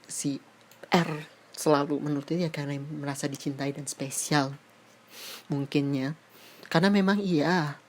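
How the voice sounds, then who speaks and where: A woman's voice: low-pitched, a little mellow. A woman commentating on a story from chat screenshots, reacting with indignant exclamations and mild swearing. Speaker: YouTube commentator.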